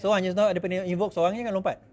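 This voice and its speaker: A middle-aged man with a Malaysian accent, giving an animated speech to supporters, mimicking others in quick asides and laughing often. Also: sits high. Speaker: politician speaking to supporters.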